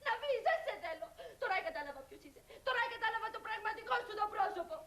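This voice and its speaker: A shrill, hysterical young bride, played by a woman with a Cypriot Greek accent, whining and weeping in a stage comedy. Her voice sits very high and sounds bright and piercing. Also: animated, roomy sound. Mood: furious. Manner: tearful, whining, melodramatic. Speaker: bride-to-be Mary.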